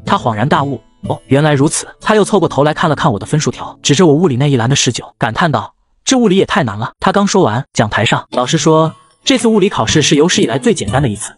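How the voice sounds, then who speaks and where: A man narrating a web novel in a steady scripted reading. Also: a little high. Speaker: story narrator.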